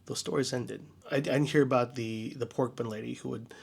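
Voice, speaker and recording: An American man, a vlogger and DJ entertainer, tells a personal, reflective story in his vlog. His medium-pitched voice is steady, gravelly and slightly rough. He speaks haltingly and searchingly, with many restarts and fillers, earnest and quietly emotional.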